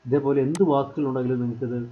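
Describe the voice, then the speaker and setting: A man's voice: medium pitch, fairly even intonation, racing, narrow, tinny audio, slight background noise. A man teaching English in a screen-share tutorial, repeating himself while he points things out on screen. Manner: repetitive, pointing out items on screen.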